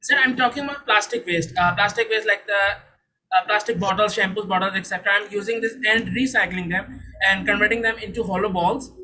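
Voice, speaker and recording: A man's voice: high-pitched, fairly quick, sharp tone, rough recording. A young man from Saudi Arabia presenting his startup and answering questions in an earnest, formal way. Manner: earnest, formal, with polite "sir". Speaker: startup founder. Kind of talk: startup pitch and Q&A.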